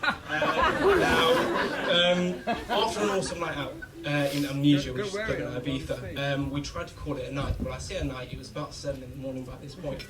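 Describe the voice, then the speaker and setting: A man's voice: mid-range voice, quick pace, hardly any pauses. A British man giving an informal, bantering, laddish best man speech at a wedding reception. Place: wedding reception, speaking to guests. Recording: distant mic, loud crowd and noise.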